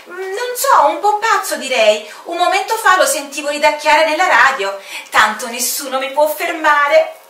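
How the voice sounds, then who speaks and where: A woman voicing a flustered airport radio operator who reports in an excited, hurried way. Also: sits high, echoey room, far from the mic, pitched above the performer's own voice.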